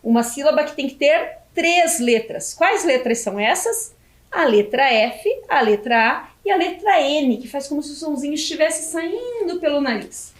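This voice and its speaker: A Brazilian Portuguese woman teaches young children in a video lesson. Her voice sits high and swoops up and down a lot, and she draws words out syllable by syllable. It sounds like a roomy, echoey space. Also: animated. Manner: slow, stretched syllables when spelling out words. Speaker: primary school teacher.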